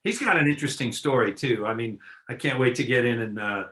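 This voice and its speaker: A man's voice: mid-range voice, lively intonation, fast talker, noisy background. A man co-hosting a radio talk show, chatty and joking, teasing his friends, a comic who sounds tired. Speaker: co-host, comedian. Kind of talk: casual radio chat.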